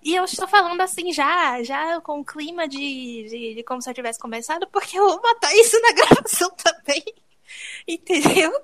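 A woman's voice: extremely high pitch, expressive, normal speed, fairly bright tone, rough recording. A young woman from Brazil hosting a podcast, joking and telling stories in a playful, self-mocking way. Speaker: podcast host.

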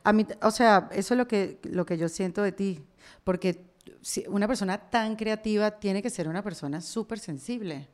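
A woman's voice: mid-range voice, normal speed. A woman hosting a podcast in casual interview chat, with a confiding manner. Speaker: podcast host. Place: studio set in Miami.

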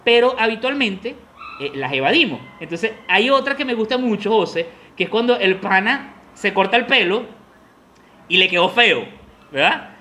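A man's voice: high voice, lively intonation, normal speed, pushed and bright. A man with a Venezuelan accent co-hosting a casual chat, telling stories and acting out voices, laughing often. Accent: Venezuelan Spanish. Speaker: podcast co-host.

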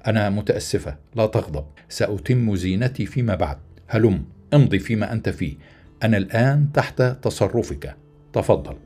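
A man's voice: fairly low pitch, expressive, brisk, warm tone, breathy edge, faint music behind. A man voicing a cool, dismissive young woman who teases and mocks the man beside her. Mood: teasing.

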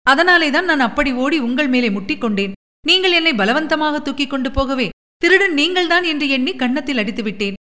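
A woman's voice: high-pitched, expressive, fairly quick, bright, forceful tone, big-room sound, pitched above the performer's own voice. Woman doing a gushing young would-be actress. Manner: sweet, apologetic and gushing. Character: young woman hoping to become a film actress.

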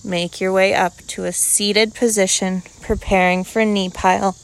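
A woman instructing a guided yoga class, calmly cueing breath and movement in short, measured, unhurried phrases. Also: mid-range voice, vocal fry, smooth, low-quality recording.

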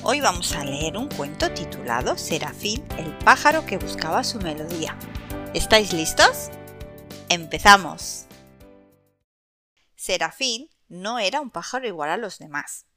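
A woman narrating a children's story expressively, addressing young listeners in an animated way. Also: fairly low pitch, no echo.

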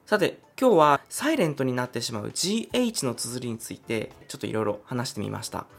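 A man hosting his own podcast, talking through an idea one step at a time in a chatty, easygoing way. His voice is a little breathy, and his pitch moves around a lot as he speaks. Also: big pitch swings, fast talker, soft background music. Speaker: podcast host. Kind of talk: solo podcast explainer.

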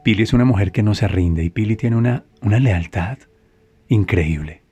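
A man voicing a woman friend who praises her friend warmly. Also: on the low side, normal speed, slightly rough. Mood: admiring.

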